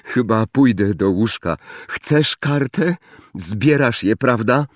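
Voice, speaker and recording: A man voicing a timid, meek schoolboy who mumbles his words haltingly. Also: mid-range voice, expressive, no room sound, studio quality. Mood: timid, glum.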